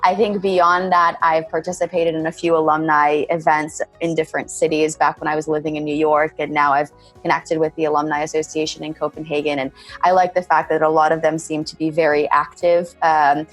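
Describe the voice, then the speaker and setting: Her delivery is flat: an MBA graduate near thirty, originally from Bulgaria and raised in California, answers an interview in a low, level voice. She stays measured, habitually saying "kind of," with faint music in the background.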